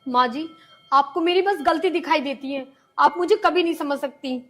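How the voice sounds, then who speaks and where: An actress playing a patient, pleading young daughter-in-law in a village film drama. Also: female voice, high voice, moderate pace, fairly bright tone, faint music behind. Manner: pleading, long-suffering.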